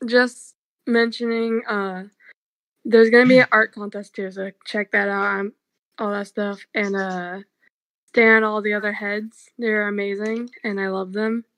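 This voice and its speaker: Sleepy woman just out of bed on a call, flat monotone, mumbly. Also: unhurried, dry recording. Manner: sleepy, low-key, mumbling. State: just woken up, groggy. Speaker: artist alley staff head. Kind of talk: casual online call chat. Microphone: video call.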